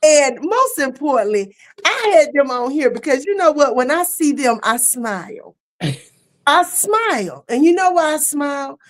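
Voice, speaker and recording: A middle-aged woman hosting a casual online talk show, lively and laughing, with easy "y'all" talk. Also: sits high, unhurried. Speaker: host. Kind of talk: casual chat. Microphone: streaming setup.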